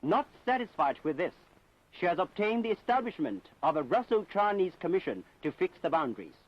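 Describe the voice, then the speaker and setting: The dull soundtrack of a 1960s film carries a man's high-pitched, brisk and highly animated voice. He delivers scripted narration for a propaganda documentary, solemn, emphatic and declamatory.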